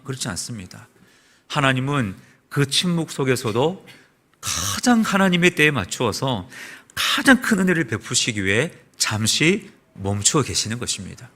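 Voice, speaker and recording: Male pastor, church sermon, animated rising and falling voice, bright tone, rhetorical questions. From South Korea. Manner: preaching with rhetorical questions and lively swings in pitch and volume. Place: church sanctuary.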